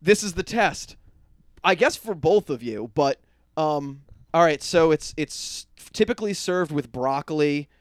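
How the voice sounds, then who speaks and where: A man chatting on a podcast, swearing freely and slipping into his relatives' voices as he tells a story. His voice sits a touch high and comes through clean and smooth, recorded dry and close. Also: unhurried, dry recording. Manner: animated storytelling, profane, mimics relatives. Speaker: podcast co-host. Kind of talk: casual podcast chat.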